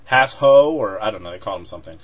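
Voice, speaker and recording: A man co-hosting a podcast chats casually, laughing frequently and restarting his sentences amid many fillers. He speaks fast and expressively in a lowish voice. The audio is dull and lo-fi.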